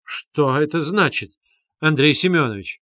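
A man's voice: on the high side, expressive, unhurried, fairly bright tone, no room sound, clean studio sound. A man voicing a haughty, furious middle-aged man who shrieks scornfully at his accuser, in a storybook reading.

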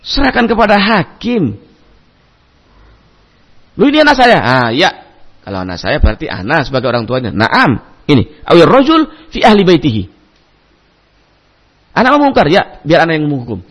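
Animated high-voiced male religious teacher. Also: normal speed, slightly rough. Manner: quotes Arabic texts and explains them; animated storytelling with acted-out voices. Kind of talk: religious study lecture.

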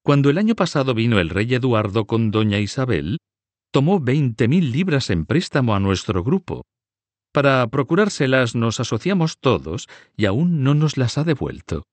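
A man voicing a cunning older banker who speaks smoothly and persuasively. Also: mid-range voice, sing-song, normal speed, no echo, voice pushed up, close to an everyday voice. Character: cunning older Italian male banker, soft-spoken.

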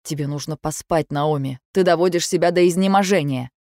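A woman doing a worried husband in an audiobook, low soft and firm, dry sound. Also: brisk, no echo. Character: worried young husband, gentle but firm.

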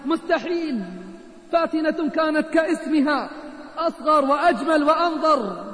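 A man preaching voices a gentle young woman doctor who asks questions in disbelief. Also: very high-pitched, moderate pace. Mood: astonished. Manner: questioning, incredulous. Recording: reverberant hall.

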